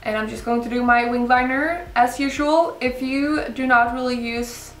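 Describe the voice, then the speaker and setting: A young woman casually talking through a makeup tutorial in an informal, unhurried way. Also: a little high. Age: young adult. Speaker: beauty vlogger. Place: indoor room set up for filming, backdrop. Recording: roomy, slightly distant mic, music behind.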